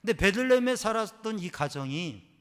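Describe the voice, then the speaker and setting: A male pastor preaching a Sunday sermon, swinging between hushed storytelling and fervent, raised passages. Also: high-pitched, very animated, a little fast, big-room sound. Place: church sanctuary.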